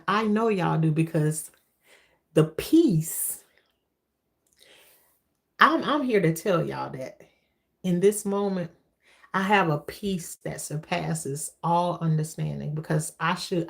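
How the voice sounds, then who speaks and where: A woman with a deep, gravelly voice chats casually while hosting a livestream, testifying and repeating phrases to drive her points home.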